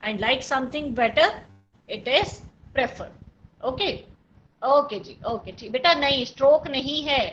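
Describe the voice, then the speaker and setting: A woman's voice: high voice, lively intonation, takes it slowly, a bit bright, dull audio. A woman teaching an online English class with an Indian English accent, mixing in Hindi, patiently explaining words, spelling them out and repeating praise.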